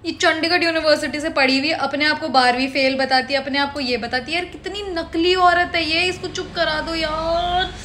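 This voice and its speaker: Young woman ranting about a reality show, high voice, laughs a lot and mimics ppl. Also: moderate pace, hardly any pauses, slight background noise. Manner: animated, opinionated, laughs and mimics often. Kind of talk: casual reaction commentary.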